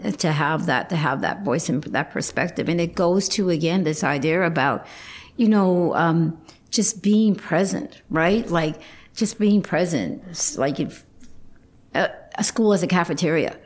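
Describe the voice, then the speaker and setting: A woman's voice: lowish voice, unhurried. A middle-aged woman talking casually and reflectively, often checking in with a "right?" at the end of phrases.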